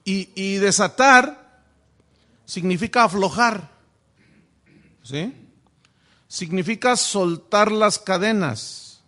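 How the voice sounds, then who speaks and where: A preacher teaches the Bible to his congregation. His voice is high for a man. He keeps throwing questions at the listeners. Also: slow, pauses often, bright, forceful tone. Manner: asks the audience many rhetorical questions. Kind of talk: sermon-style Bible teaching.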